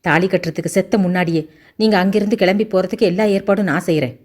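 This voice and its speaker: A woman's voice: on the low side, fast talker, darkish tone, close to an everyday voice. Woman voicing a nervous, earnest young man. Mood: eager. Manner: nervous, pleading, polite. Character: earnest young man pleading for his sister. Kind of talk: audiobook character voice.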